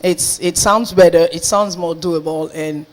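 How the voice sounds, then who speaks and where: A woman giving a lively, laughing personal testimony to a small church group. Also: lowish voice, unhurried. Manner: animated, laughing, lively storytelling. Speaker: congregation member giving testimony.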